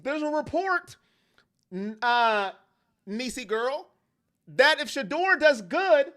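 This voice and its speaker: A man's voice: extremely high pitch, very animated, bright, forceful tone. A man hosting a fan livestream, ranting heatedly about his team and reading chat messages aloud. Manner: heated, ranting, fast-shifting intensity. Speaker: fan channel host.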